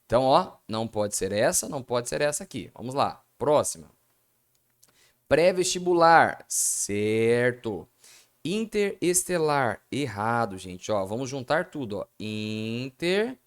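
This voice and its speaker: Lively Brazilian man teaching grammar. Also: mid-range voice, normal speed, few pauses. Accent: Brazilian Portuguese. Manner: asks rhetorical questions and answers them himself; chatty, addresses viewers as "gente". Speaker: Portuguese language teacher. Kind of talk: video lesson going through exam questions.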